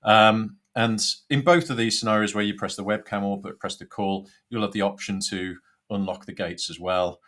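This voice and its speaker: A man with a lowish, fairly bright voice walks through a product screen by screen in an informal tutorial. Speaking at a moderate pace with fairly even intonation, he hesitates and thinks aloud as he taps through each step.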